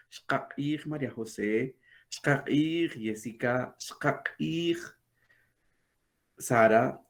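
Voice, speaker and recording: A man, a language teacher patiently explaining and softly demonstrating throaty sounds. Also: on the high side. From Guatemala. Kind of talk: explanatory talk.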